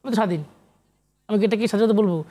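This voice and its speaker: He speaks at a racing pace in a high, mellow voice: a Bangladeshi guest who is a professor and literary researcher. During the animated TV interview discussion he lectures emphatically, blending in English academic words.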